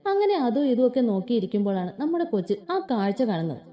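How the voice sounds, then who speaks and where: A woman's voice: a little high, quick pace. A woman reading a story aloud in a playful, colloquial way and voicing its characters. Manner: lively, playful colloquial narration.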